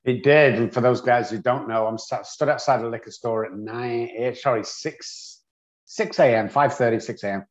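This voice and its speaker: A man's voice: mid-range voice, moderate pace. A man from England with an English accent, a guest telling his own story in a candid, self-deprecating way. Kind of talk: storytelling interview. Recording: dull lo-fi audio.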